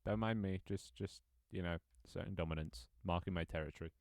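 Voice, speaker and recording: Talking a little fast in a low, slightly mellow voice, a man in his twenties chats on a live stream of his own game. He rambles, restarts, says um often, and reads chat aloud, all on a dry recording.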